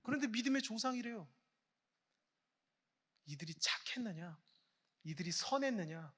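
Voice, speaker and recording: High, bright-voiced man preaching in a church. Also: animated, normal speed, slightly rough. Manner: swings from hushed, near-whispered lines to loud, exclaiming calls; earnest and encouraging, speaking directly to the congregation. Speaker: guest pastor preaching. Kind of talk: sermon at a Friday night prayer meeting. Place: large church sanctuary. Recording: long reverb of a large church hall.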